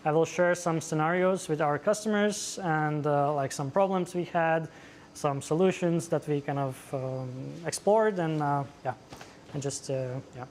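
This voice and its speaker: A man from Latvia with a Latvian accent, presenting at a tech meetup, pausing often with many "uh"s. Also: fairly high pitch, darkish tone, slight background noise. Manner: hesitant, many fillers. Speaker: conference speaker. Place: meetup venue.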